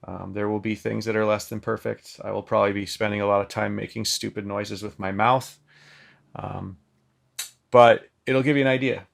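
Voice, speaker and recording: A man's voice: on the low side, steady tone, normal speed, gravelly. A man giving a casual, chatty product demo of a synth, with loose phrasing and lots of filler ums. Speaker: synth demonstrator. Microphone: microphone plugged into the synth.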